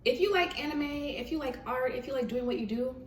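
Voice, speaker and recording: A young woman who hosts a channel chats casually and animatedly during a mukbang, frequently laughing as she speaks. Her voice is high-pitched and a little fast, recorded in an echoey room with a distant mic and faint hiss.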